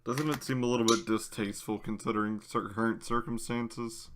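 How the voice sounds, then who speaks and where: A man's voice: mid-range voice, fairly even intonation, brisk. Man, tabletop player, dry wry delivery, noisy home recording. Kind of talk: casual in-character play.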